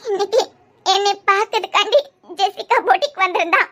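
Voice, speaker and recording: A woman voicing a guilty, tearful young wife in a cartoon, with a Kanyakumari Tamil accent and a halting, apologetic way of speaking. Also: very high voice, sharp tone.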